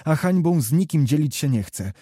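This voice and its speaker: A man's voice: a little high, expressive, moderate pace, warm tone, breathy edge, no room sound, studio quality, voice pushed up. A man reading a novel aloud, voicing a proud, principled young noblewoman in a reproachful, earnest way. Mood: stern. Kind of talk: audiobook character reading.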